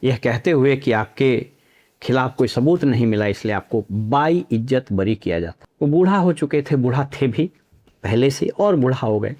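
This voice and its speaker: A man's voice: mid-range voice, lively intonation, a little mellow. A middle-aged man from Bihar, a former civil servant giving storytelling commentary full of proverbs and anecdotes. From Nalanda district, Bihar. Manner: anecdotal, uses proverbs, measured.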